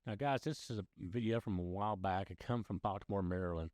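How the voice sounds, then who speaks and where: Low-voiced man hosting casual boating news. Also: fast, heavy background noise. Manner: folksy, addresses viewers as guys. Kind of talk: casual video news commentary.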